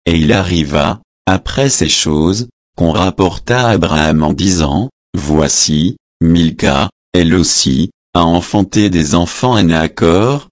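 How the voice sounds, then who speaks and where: A man giving a measured, deliberate reading of scripture, even reading out the footnotes. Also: sits low, no room sound, studio quality. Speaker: scripture reader.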